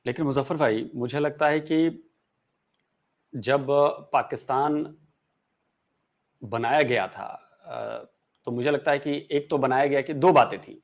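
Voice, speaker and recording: A man hosts a conversation, his voice sitting mid-range. He talks in a deliberate, questioning way. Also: mid-range voice. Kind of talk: conversational discussion.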